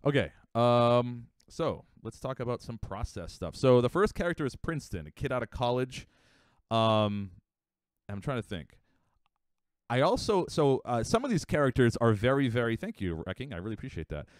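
Young man, live-stream chat, rambling with fillers, middling pitch, dry close sound. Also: sing-song, dry recording. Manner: rambling, with many fillers and quick asides to chat. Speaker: livestreamer.

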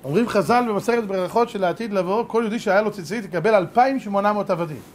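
A man, a rabbi, giving a religious lesson full of stories, animated and rhetorical, repeating points for emphasis. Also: high voice, a little hiss or hum.

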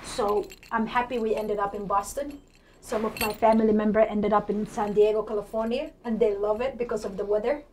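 A woman running for city council, in her forties and with a Somali accent, talks through an interview at a studio desk indoors. She speaks briskly in a mid-range, slightly mellow voice with fairly even intonation, and the rough recording carries clear background noise.

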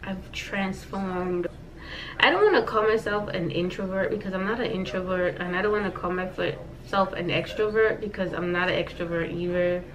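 A lower-pitched woman speaks at normal speed on a low-quality recording with a little hiss or hum. She's an American in her thirties, chatting casually and playfully to camera in a life-update vlog and repeating phrases for emphasis.

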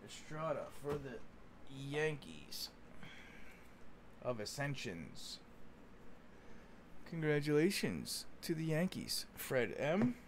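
Speaking slowly with frequent pauses, this fairly high-voiced man is very animated as he runs a sports card break indoors at a table covered in cards. His commentary is casual and folksy, as if for friends, and the background is noisy.

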